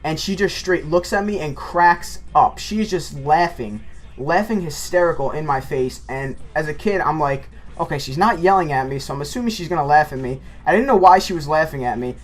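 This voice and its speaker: Rambling, animated male gameplay commentator with a slightly high voice, telling a casual story. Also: fairly quick.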